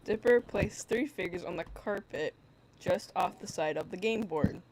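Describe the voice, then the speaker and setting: A woman's voice: lowish voice, moderate pace, noisy background. A young woman narrating stage directions for a fan audio drama.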